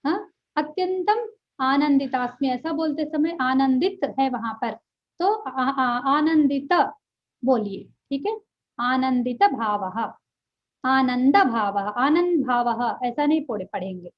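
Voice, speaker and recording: A woman teaching a language class online. She talks earnestly, checks in often with her students and draws out sounds slowly to show how they are said. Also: high voice, animated, lo-fi sound. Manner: earnest, checks in often with "ठीक है", drawn-out pronunciation demonstrations. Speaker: Sanskrit teacher.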